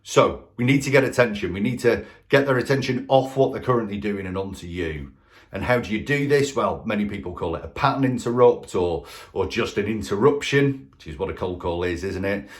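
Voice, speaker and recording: A man, a sales trainer, giving a punchy coaching talk straight to camera and asking the listener rhetorical questions. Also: lowish voice.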